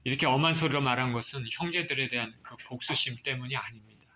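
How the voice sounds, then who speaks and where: A man preaching a sermon as pastor, reading scripture and explaining it with measured pauses. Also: medium pitch, pushed and bright.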